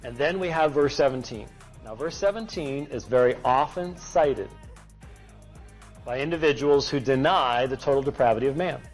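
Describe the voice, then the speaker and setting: A man preaching an expository sermon in an emphatic, deliberate way, stressing key phrases. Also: mid-range voice. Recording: dull lo-fi audio with music underneath. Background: background music.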